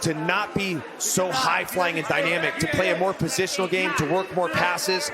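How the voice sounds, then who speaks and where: A man giving technical, excitable blow-by-blow commentary on a live grappling match. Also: high-pitched, moderate pace. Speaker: fight analyst commentator. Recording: loud crowd noise behind. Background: roaring arena crowd.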